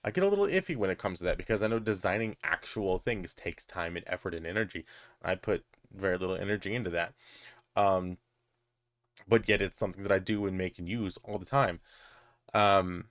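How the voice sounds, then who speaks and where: A man's voice: low voice, brisk, dry recording. A middle-aged man hosting a crafting channel, answering viewer questions in a chatty, hesitant way with lots of ums and restarts. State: has the hiccups. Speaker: crochet and knitting channel host. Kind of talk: casual Q&A chat.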